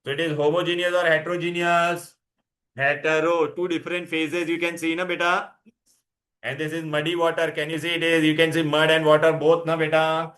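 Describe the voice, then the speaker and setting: A man's voice: on the high side, level tone, brisk, fairly bright tone. Indian-accented man teaching a class. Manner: repeats points, checks understanding with tag questions; mixes Hindi into English. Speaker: school science teacher. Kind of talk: classroom lesson with questions to students.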